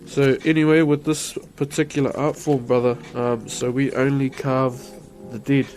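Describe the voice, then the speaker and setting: A man's voice: medium pitch, level tone, normal speed, a little mellow, faint music behind. Laid-back man with a broad New Zealand accent. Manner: laid-back and colloquial, peppering talk with "bro" and "eh". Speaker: live streamer. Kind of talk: casual chat answering viewer questions.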